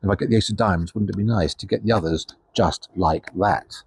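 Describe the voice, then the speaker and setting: A man's voice: sits low, a little fast, husky, dry recording. An older man, a magician, chatting his way through card tricks at a table for the camera, with plenty of asides and ums. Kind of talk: casual card trick demonstration. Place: indoors at a table, facing a camera with a monitor.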